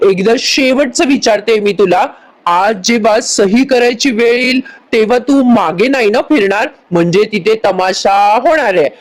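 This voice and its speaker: A woman's voice: on the high side, moderate pace, lightly acted. A woman reading an anxious young bride.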